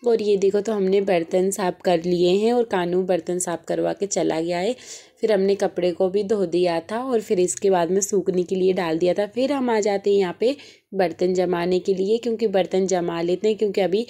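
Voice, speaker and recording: A woman's voice: mid-range voice, normal speed, warm tone. A young woman with a Malwi Hindi accent, narrating her day at home in a chatty, rambling vlog style, sounding tired. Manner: chatty, homely, rambling with many fillers. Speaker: vlogger. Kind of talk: casual daily-life vlog narration. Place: home kitchen.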